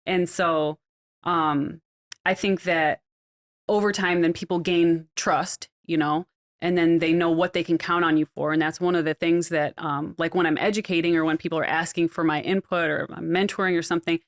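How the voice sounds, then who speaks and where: A woman's voice: on the low side, steady tone, normal speed. A middle-aged woman with a Midwestern American accent, a hair stylist guest talking casually on a podcast, chatty with lots of fillers. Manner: chatty, laughs often, uses many fillers.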